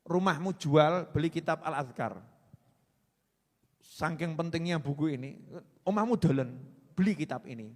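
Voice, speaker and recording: A preacher delivers a humorous sermon in a high, lively voice. He jokes with the crowd and slips easily between registers. The sound rings out with the long reverb of a large hall. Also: normal speed, long pauses. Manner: joking, lively, mixes Javanese into Indonesian.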